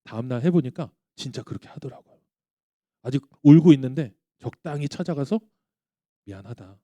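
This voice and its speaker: In a church, a pastor in his thirties preaches to young adults, animatedly telling stories, acting out the quoted dialogue and putting questions to the congregation. His voice is a little high and dark in tone, his pace a little fast, with no echo.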